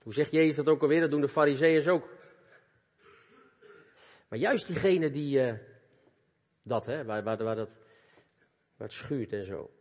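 A man preaching a sermon in speech, earnest and animated, addressing young listeners directly. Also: mid-range voice, unhurried, long pauses. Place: church hall. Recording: long reverb of a church hall.

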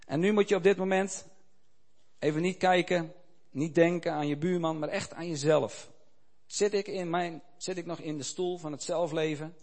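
Impassioned male preacher, fairly high voice. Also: moderate pace. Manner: impassioned, rising to loud climaxes. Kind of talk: sermon with retold story and prayer.

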